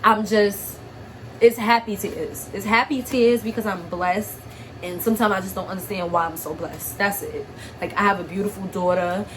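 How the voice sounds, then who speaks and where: A young woman from Harlem talks straight to her camera while crying, her nose stuffed up and her voice shaky. She speaks bluntly, swears freely and has a tough street edge, at a middle pitch. Steady noise sits clearly behind her voice. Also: moderate pace, low-quality recording. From Harlem, New York. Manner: blunt, profane, streetwise talk. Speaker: vlogger. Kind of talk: emotional personal vlog.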